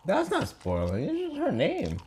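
Man, mukbang co-host, talks while chewing, lively melody, playful and teasing. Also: sits high, moderate pace, husky. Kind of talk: casual chat while eating.

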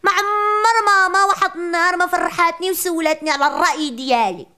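A woman voicing a chatty, sassy little preschool girl with a Moroccan accent, ranting in a comic monologue. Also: bright, forceful tone. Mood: complaining. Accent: Moroccan Arabic. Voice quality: childish high voice, rapid rants.

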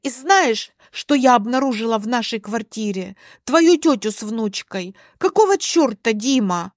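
A woman voicing a furious young wife who snaps sharp commands in a spoken story. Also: a little high, big pitch swings, very slow, no room sound, clean studio sound, exaggerated voice.

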